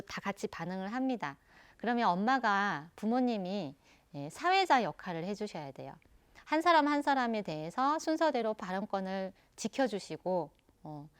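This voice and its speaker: A woman giving an online parenting lecture, explaining calmly and addressing parents directly. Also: mid-range voice, clear, resonant tone.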